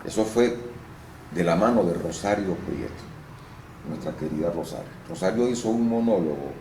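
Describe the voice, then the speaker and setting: In a relaxed interview, this man from Venezuela, who works as an actor and voice-over artist, speaks at a normal speed in a low-pitched voice. He explains at length, restarting now and then, in a lively, storytelling way. There's a roomy echo and a little faint noise.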